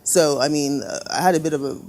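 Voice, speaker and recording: A middle-aged fashion designer tells stories as a guest in a casual interview, set in a living room studio with sofas. She's animated, laughs often and acts out little voices for her parents. She has a deep voice and talks fast, with a little hiss or hum in the recording.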